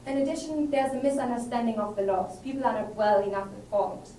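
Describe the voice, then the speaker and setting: A woman's voice: fairly high pitch, steady tone, brisk, warm tone. A young woman from Germany giving an earnest, emphatic student presentation at a conference. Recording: roomy hall, distant mic, faint noise.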